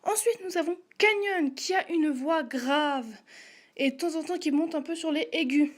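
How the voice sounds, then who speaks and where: A channel host with a high-sitting voice at normal speed runs a casual casting-call video for voice actors. She lists the characters and the voices they need, with hesitant fillers and asides along the way.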